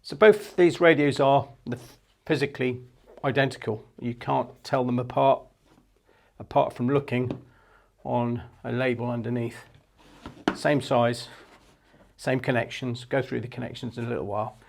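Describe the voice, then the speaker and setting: Speaking at normal speed into a clip-on lapel mic, a gravelly-voiced man in his fifties demonstrates gear for a marine equipment shop without a script. His mid-range voice stays fairly even as he lays things out in a matter-of-fact way.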